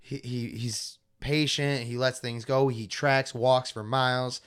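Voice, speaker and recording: A man's voice: medium pitch, flat delivery, a little slow, a bit bright, clean tone. A man hosting a podcast, chatting in a rambling, enthusiastic way. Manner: enthusiastic, rambling, many fillers. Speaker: podcast host. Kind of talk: casual chat.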